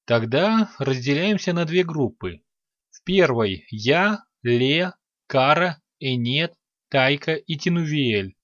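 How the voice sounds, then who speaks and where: A man's voice: a little high, expressive, slow pace, fairly bright tone, no room sound, muffled recording. A man voicing a commanding, wry male group leader in an audiobook. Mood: decisive.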